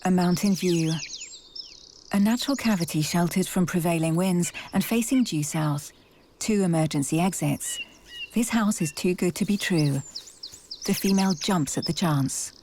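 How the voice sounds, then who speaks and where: A woman's voice: on the low side, lively intonation, a little slow, warm tone, a little hiss or hum. A woman reading scripted narration for a wildlife documentary.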